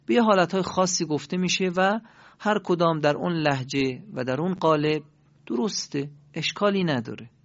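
Guy giving a pronunciation lesson, jumps up high for emphasis, dry dull mic sound. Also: no room sound. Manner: lively, emphatic explaining with sudden rises. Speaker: teacher. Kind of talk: Quran recitation lesson.

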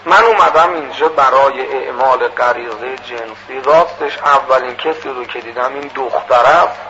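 Man voicing a distraught young man, early twenties, pleading, gravelly edge, muffled recording. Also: medium pitch, a crowd in the background, natural voice. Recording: muffled with loud background hiss.

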